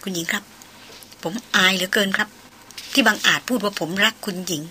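A woman reading a novel aloud, voicing a humble, devoted male jungle guide who speaks softly and formally. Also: mid-range voice, brisk, slight background noise, close to an everyday voice. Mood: ashamed. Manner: deferential, hushed and formal.

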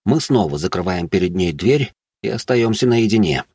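A man narrating a first-person fantasy audiobook in a low-key, wry way. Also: expressive, moderate pace, darkish tone, husky, no room sound, studio quality.

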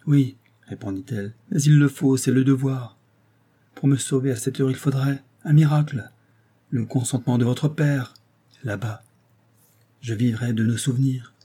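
A man's voice: medium pitch, normal speed, dark tone, breathy edge, natural voice. A man voicing a proud, dutiful young noblewoman in an audiobook, reading her lines in an earnest, declamatory way. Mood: resigned.

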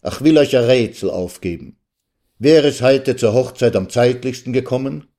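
A man voicing a lively old male party joker who shouts riddles with glee. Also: medium pitch, normal speed, voice pushed up, close to an everyday voice. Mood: gleeful.

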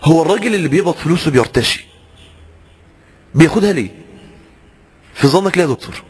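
A man's voice: on the high side, animated, quick pace, darkish tone, husky, in a large hall. A man with an Egyptian accent preaching a sermon, asking rhetorical questions and acting out the people he quotes. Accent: Egyptian Arabic. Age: young adult.

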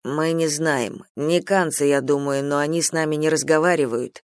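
A reader voicing a drowsy, gruff male soldier who mumbles slowly. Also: fairly even intonation, no echo, clean studio sound, lightly acted. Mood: flat. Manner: slow, low and mumbling.

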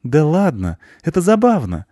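A man's voice: medium pitch, expressive, moderate pace, mellow, dry recording, clean studio sound, voice pushed up, natural voice. A man voicing a friendly, cheerful young blonde woman in an audiobook. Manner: light, friendly.

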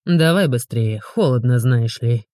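A grumpy, scruffy man growls his complaints with a mocking edge, as a woman reader drops her voice to act him out. The audiobook sound is close and dry, and the tone stays mellow and soft-edged. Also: a bass voice, a little slow, no room sound, pitched below the performer's own voice. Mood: grumbling. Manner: gruff, grumbling, mocking. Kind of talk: audiobook character voice.

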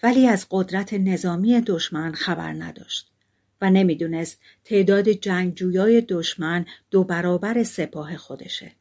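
A woman narrating a fairy tale audiobook in a calm, steady storytelling manner. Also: lowish voice.

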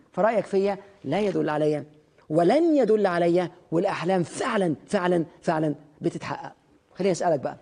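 A man's voice: very high-pitched, darkish tone. A man with an Egyptian Arabic accent giving a motivational lecture, emphatic and direct, hammering points home by repeating phrases and firing questions at the listener. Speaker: motivational speaker.

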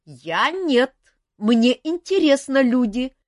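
A woman voicing a hoarse, cheerful male phantom who stumbles over broken words. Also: high voice, animated, no room sound, clean studio sound, voice pushed up. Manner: halting, broken grammar.

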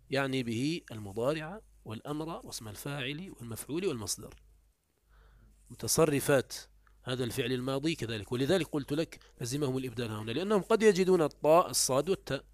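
A man teaching a classical grammar lesson, explaining step by step, asking and answering his own questions and slowly repeating words to drill them. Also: mid-range voice, dry recording, studio quality. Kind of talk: classical Arabic morphology lesson.

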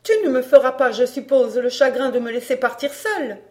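A woman reading an audiobook, voicing a haughty, overbearing middle-aged mother with a sharp, peremptory manner. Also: sits high, a little fast, close to an everyday voice.

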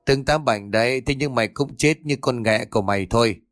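A man's voice: medium pitch, brisk, no room sound, studio quality, faint music behind, lightly acted. A man reading the part of a cruel, bullying older village tyrant who snarls and barks orders in a storybook ghost tale. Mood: contemptuous.

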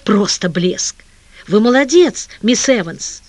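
A reader voicing a gentle, coaxing sportsman. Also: mid-range voice, lively intonation, slow pace, no room sound. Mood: friendly. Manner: soft-spoken and coaxing. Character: gentle, charming male sports editor. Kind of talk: audiobook character reading.

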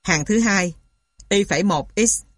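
Woman, very slow pace, methodical lecturer, scripted read-aloud narration, dry close sound. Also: mid-range voice, breathy edge, no room sound. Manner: methodical, spells out symbols and punctuation. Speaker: lecturer reading a maths textbook aloud.

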